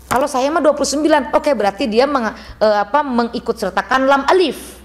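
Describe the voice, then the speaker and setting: A woman teaching Quran recitation rules to a women's study group in a mosque, quizzing the class as she goes. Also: high voice. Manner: brisk, asks the class questions and drills responses.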